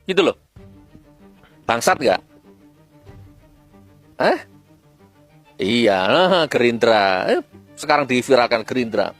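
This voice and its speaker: A man's voice: animated, takes it slowly, long pauses, fairly bright tone, soft background music. Fiery, scornful man ranting. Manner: fiery, scornful, with sudden high-pitched outbursts. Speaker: preacher-style political commentator. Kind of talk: ranting monologue.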